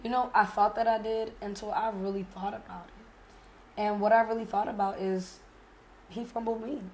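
A woman's voice: mid-range voice, steady tone, moderate pace, slight background noise. A young woman in casual podcast chat, speaking in an emphatic, opinionated way. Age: young adult. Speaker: podcast panellist. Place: small studio set on a couch, indoors.

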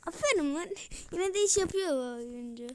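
A woman giving excitable commentary while playing a football video game, shouting, chanting and now and then dropping to whispers. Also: extremely high pitch, moderate pace, a little hiss or hum. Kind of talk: excited let's-play commentary.

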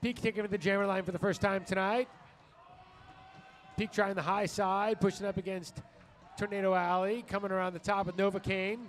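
A man with a notably high voice works as a color commentator. He chips in with short remarks and announces who is lining up next. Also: level tone, a little fast. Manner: short interjections and lineup calls. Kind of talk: live sports commentary.

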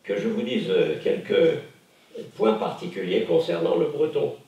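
A man's voice: medium pitch, sing-song, a little slow, creaky, warm tone, distant mic, lo-fi sound. A man giving a public conference talk, hesitant, with many fillers and restarts. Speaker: conference speaker. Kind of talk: public lecture. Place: lecture hall. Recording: echoey room, voice from afar.

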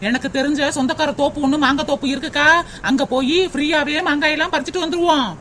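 A woman's voice: high voice, steady tone, quick pace, fairly bright tone, slight background noise. A woman voicing a cheeky, persuasive young village woman in a cartoon, with a Tirunelveli Tamil accent. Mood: eager. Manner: chatty, persuasive.

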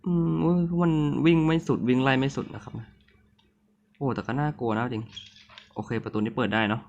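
A man's voice: medium pitch, fairly quick, darkish tone, highs cut off, slight background noise. Jumpy sick-sounding man playing a horror game. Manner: jumpy, nervous, apologetic, talks to himself. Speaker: gamer. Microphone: phone mic.

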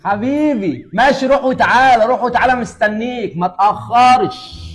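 A fast-talking joker barber. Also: male voice, on the high side, lively intonation, breathy edge, faint music behind. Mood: teasing. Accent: Egyptian Arabic. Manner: teasing, bantering, rapid-fire jokes at customers. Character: cheeky joking neighborhood barber, adult man. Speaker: actor. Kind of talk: comedy sketch.

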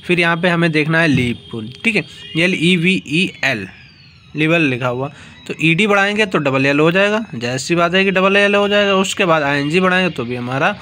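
A male teacher giving an exam-prep grammar lesson, explaining slowly and repeating himself, spelling out letter by letter. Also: fairly high pitch, animated, pushed and bright, a little hiss or hum. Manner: slow, repetitive explaining, spelling words out letter by letter.

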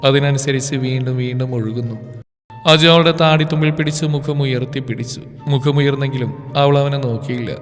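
A man reading a romance story aloud in a slow, emotive narration. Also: mid-range voice, fairly even intonation. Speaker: story presenter. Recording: reverb with background music.

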